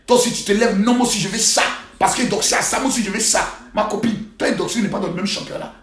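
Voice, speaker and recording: Talking at a quick pace, this livestream host lectures his audience in a high-pitched voice, scolding preachily with loud bursts and abrupt quiet asides. The live monologue comes through a phone mic in a room full of echo.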